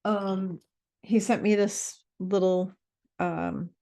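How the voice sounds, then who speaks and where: A woman's voice: medium pitch, fairly even intonation, extremely slow, dark tone. A woman talking casually to camera in a rambling, chatty way, with fillers and restarts. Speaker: spiritual vlogger.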